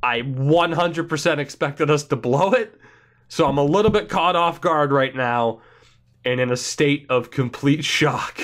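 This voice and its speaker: Stuffed up from a cold, this young gaming host rambles excitedly through let's play commentary on a hockey video game, thinking out loud as he goes. He speaks unhurriedly, his voice leaning high.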